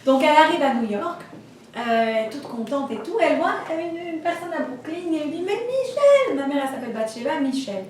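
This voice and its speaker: High-voiced woman telling stories. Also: brisk, a little hiss or hum. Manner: lively storytelling, acts out voices. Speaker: Torah teacher. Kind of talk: storytelling class. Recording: echoey room, voice from far off.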